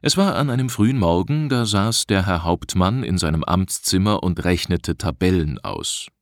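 A man narrating an audiobook in a measured, deliberate reading style. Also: deep voice, animated, no room sound, clean studio sound. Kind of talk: scripted narration.

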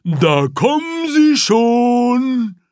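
A man's voice: very high-pitched, big pitch swings, very slow, a little mellow, no room sound, studio quality, voice pushed up, heavily acted. A man voicing a cheerful, unflappable gnu with a chirpy sing-song manner in a children's audiobook. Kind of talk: audiobook character voice.

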